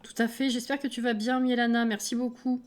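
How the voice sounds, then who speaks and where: A woman's voice: on the high side, level tone, a little fast. Chatty self-mocking French woman streamer. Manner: chatty and self-mocking, laughing often, rambling with hesitations. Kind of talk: casual live-stream chat, reading and answering viewers.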